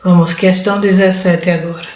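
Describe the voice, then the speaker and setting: Her voice sits fairly low, level and darkish at a normal pace as this Brazilian woman talks through exam questions for Portuguese test prep. The lesson is informal and full of restarts as she thinks aloud. The roomy, dull lo-fi recording has a little hiss or hum.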